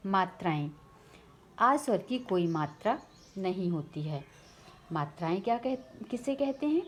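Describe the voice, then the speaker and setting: A woman with a fairly low voice teaches a grammar lesson at a measured pace, repeating each definition. Her pitch jumps up on new headings and questions. Faint room noise sits under the recording. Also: darkish tone. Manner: slow, deliberate, repeats definitions. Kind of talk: slide-based grammar lesson.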